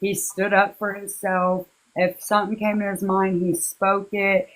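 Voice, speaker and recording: A woman speaking as an interview guest, recalling personal matters in a halting, heartfelt, casual way. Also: mid-range voice, flat delivery, fairly bright tone, low-quality recording. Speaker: interview guest, victim's relative.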